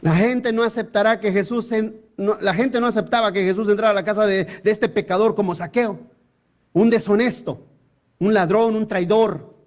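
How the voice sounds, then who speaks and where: Man, pastor, strikingly high voice, emphatic sermon, rhetorical questions. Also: steady tone, moderate pace.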